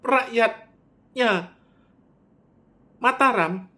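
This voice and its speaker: A man delivering a spoken monologue, swinging from loud, high bursts to low, quiet asides. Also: drawn-out words. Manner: animated storytelling, with sudden loud pitch jumps and drops to near-mutter; Javanese words mixed in.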